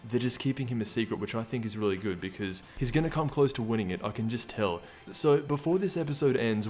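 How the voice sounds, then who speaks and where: A man's voice: medium pitch, darkish tone. Man doing casual recap commentary over music. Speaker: video host. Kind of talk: fan recap and commentary on an anime episode preview. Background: music behind the voice.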